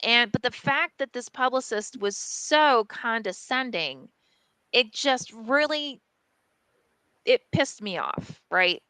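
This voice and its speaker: A woman editor tells a story in casual podcast chat, frank, lively and quick to swear. Her voice is bright and crisp, and the sound is dry and close with no room echo. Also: on the high side. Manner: animated storytelling, frank and profane, many fillers. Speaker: press editor.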